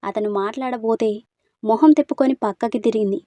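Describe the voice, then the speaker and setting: A woman tells a storybook tale in a soft, unhurried reading. Her voice sits fairly high and sounds dry and close, with no room echo. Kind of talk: storybook narration.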